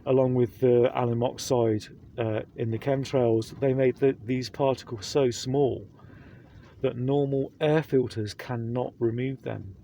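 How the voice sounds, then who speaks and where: A man's voice: medium pitch, fairly even intonation, a little slow, gravelly, warm tone, slight background noise. A man talking to camera in a rambling vlog, full of fillers and restarts, speaking through a face mask. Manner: rambling, repeats himself, many fillers. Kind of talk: casual vlog monologue.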